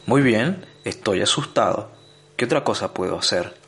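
A man's voice: on the low side, expressive, normal speed, fairly bright tone. A man voicing a bewildered, anxious ordinary man who keeps questioning in disbelief. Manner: anxious, incredulous.

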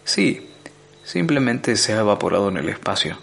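A man reads a cheerful alien hitchhiker in a storybook, smug and unbothered. The voice sits low with a gravelly edge. He treats disaster as a trifle, amused and offhand. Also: sing-song, moderate pace, heavily acted. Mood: breezy.

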